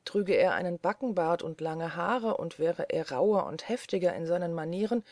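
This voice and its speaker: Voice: mid-range voice, moderate pace, a little mellow, no echo, close to an everyday voice. A reader voicing a flustered male servant who answers hesitantly and stammers.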